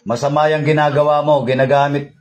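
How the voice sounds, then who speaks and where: A man's voice: fairly high pitch, flat delivery, brisk. A man leading a remote healing prayer over a call, chanting prayers and then questioning a spirit in a commanding voice, repeating his questions. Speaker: faith healer.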